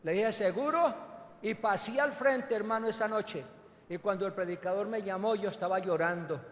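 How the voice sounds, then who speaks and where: Older pastor, high-pitched man, emphatic testimony preaching, roomy reverberant church. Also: brisk. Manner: emphatic storytelling, calls listeners "hermano". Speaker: apostle and pastor. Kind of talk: testimony sermon. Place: church hall. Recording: echoey church hall with long reverb.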